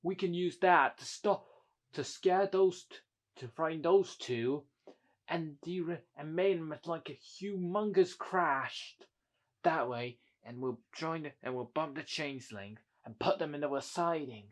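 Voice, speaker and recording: A man voicing a scheming male tank engine in a homemade toy-train story, working out a plan in halting, restarting sentences. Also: on the high side, close to an everyday voice. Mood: plotting.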